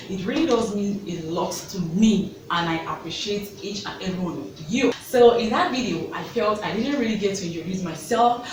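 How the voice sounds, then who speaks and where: Nigerian woman, thirties, casual vlogger, lower voice, recorded with a distant mic in a noisy room. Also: heavy reverb. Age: 30s. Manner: chatty, repeats words for emphasis, often says "guys". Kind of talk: casual get-to-know-me vlog.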